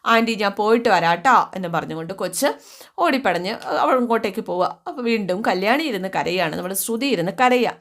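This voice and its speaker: A woman's voice: mid-range voice, expressive, a little fast. A woman retelling a family serial in a casual, chatty storytelling manner with asides to the listener.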